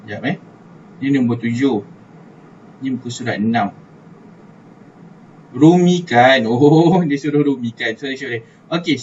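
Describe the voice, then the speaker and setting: A man with a Malaysian Malay accent, a religious studies teacher giving an online class, chatty and repeating words as he thinks aloud. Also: mid-range voice. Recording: distant mic, dull lo-fi, faint hiss.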